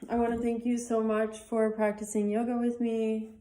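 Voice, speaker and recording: A woman's voice: on the high side, completely flat delivery, moderate pace, dark tone, reverberant. A woman teaching a guided yoga class who chats between instructions and sounds tired. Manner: chatty, apologizes for talking too much. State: tired, yawning. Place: athletic club room.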